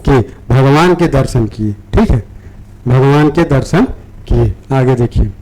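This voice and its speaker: A man's voice: medium pitch, measured pace, warm tone, rough recording. A man explaining practice questions to exam students, repeating words and often checking in with "theek hai". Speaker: exam-prep teacher.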